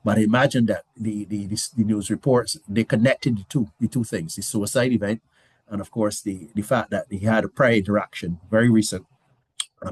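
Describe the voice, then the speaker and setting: A man's voice: lowish voice, husky, no echo. A man giving a conversational business presentation, restarting phrases and adding rhetorical asides. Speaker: guest lecturer.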